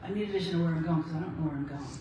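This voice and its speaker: Talking very fast in a deep voice, a woman tells her personal story at a women's ministry meeting, chatting casually and performing the dialogue she quotes. The audio is dull with background noise, recorded from a distant mic in an echoey meeting room.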